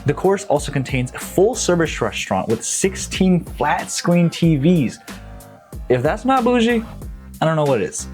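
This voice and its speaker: A man's voice: on the high side, big pitch swings, a little slow, darkish tone, soft background music. A young man from Nepal, a real estate agent, talking up local suburbs in a casual, upbeat and slangy promotional vlog.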